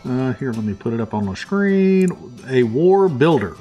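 A man's voice: mid-range voice, sing-song, normal speed, warm tone, highs cut off. A man casually commenting on a video game he is playing, thinking aloud with plenty of fillers. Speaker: let's play host.

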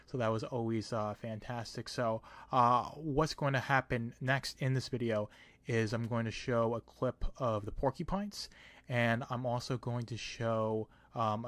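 A man's voice: mid-range voice, dry recording. Easygoing rambling man vlogging. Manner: easygoing and rambling, laughs between thoughts. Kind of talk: casual vlog narration.

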